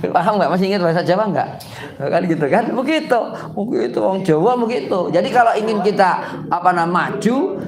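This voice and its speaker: A man's voice: a little high, reverberant. A man giving a casual, folksy religious talk as a preacher, joking often and asking his audience questions. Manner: folksy, joking, repeats "gitu kan". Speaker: Islamic preacher.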